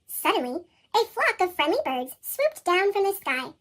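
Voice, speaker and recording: A woman narrates a storybook with a chipmunk effect, her pitch extremely high. The read-aloud is very lively and expressive at a normal speed.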